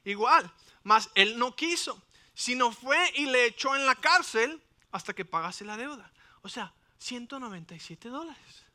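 A man preaching a sermon in an animated way, with frequent rhetorical questions to the congregation. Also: extremely high pitch, a little slow. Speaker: pastor.

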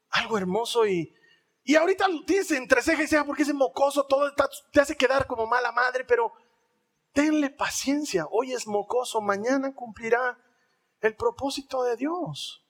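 A male pastor, preaching a sermon in an animated, humorous way, acting out little scenes. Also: very high-pitched, moderate pace.

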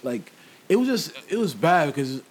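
A man's voice: on the high side, big pitch swings, moderate pace, breathy edge. A man chatting casually as a podcast host, rambling through a story with slang and restarts, acting out what others said. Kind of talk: casual chat about hip-hop gossip.

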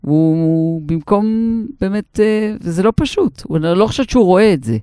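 Argumentative woman podcast co-host, smooth voice. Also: on the low side, expressive, warm tone, no room sound, clean studio sound. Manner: argumentative and emphatic. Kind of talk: casual podcast debate.

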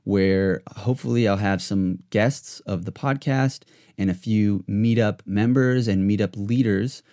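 A man with a fairly low voice hosts a casual podcast. He rambles and restarts his sentences, padding them with fillers as he goes. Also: unhurried, warm tone. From United States. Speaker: podcast host.

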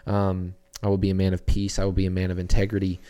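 A man's voice: sits low, completely flat delivery, fast, dark tone, clean tone. A young adult man, a children's church pastor, talking earnestly and reflectively in a podcast interview, with frequent fillers and restarts.

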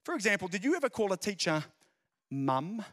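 Animated, high-pitched man preaching. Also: brisk. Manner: animated storyteller, jokey asides, repeats phrases. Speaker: speaker explaining Christianity. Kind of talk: lively evangelistic talk.

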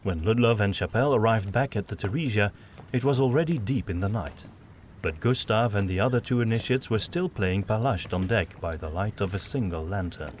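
A man reading a fantasy audiobook in a measured storytelling manner. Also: lowish voice, slight background noise. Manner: measured storytelling, doing all the voices. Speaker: narrator. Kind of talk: scripted audiobook narration.

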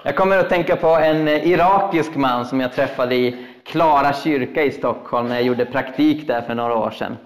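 A man preaching a sermon, telling stories in an animated, expressive way with acted quotes. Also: medium pitch, hardly any pauses. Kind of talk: sermon storytelling.

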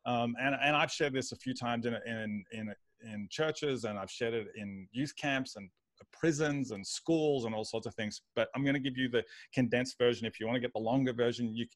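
An online pastor with an Australian accent, appearing as an interview guest, tells his story casually, rambling and repeating words along the way. His voice is medium-pitched at a moderate pace, and the recording is dry.

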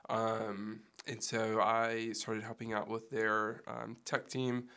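A man with a gravelly, hoarse voice that sounds like it is giving out, chatting casually as an interview guest. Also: on the low side, completely flat delivery, takes it slowly, bright, forceful tone. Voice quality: gravelly, losing his voice. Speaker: podcast guest, church production staff. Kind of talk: casual interview, recounting his background.

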